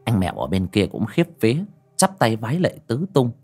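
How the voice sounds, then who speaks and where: Husky male horror narrator. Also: on the low side, huge pitch swings, a little fast, darkish tone. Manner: dramatic storytelling. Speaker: audiobook narrator. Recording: narration over faint music.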